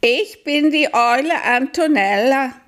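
A woman voicing a talking owl with a high, slow, drawn-out hooting voice. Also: a bit bright. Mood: commanding.

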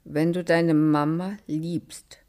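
A blunt helper fires short, commanding questions, as a reader voices the lines. The delivery is slow and measured, with little change from the narration. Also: mid-range voice, darkish tone, close to an everyday voice. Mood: terse. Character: blunt, insistent social helper named Blond.

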